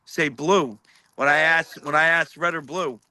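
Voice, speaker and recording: A man's voice: fairly high pitch, steady tone, unhurried, sharp tone, no room sound. A man hosting a live paranormal session, repeatedly asking spirits questions and reporting faint sounds he hears.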